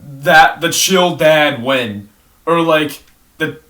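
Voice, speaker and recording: A young man speaking very slowly in a fairly high voice works his way through a ranked list of favorite creators, rambling casually, correcting himself and letting sentences trail off. The mic is distant, and background noise is clearly audible.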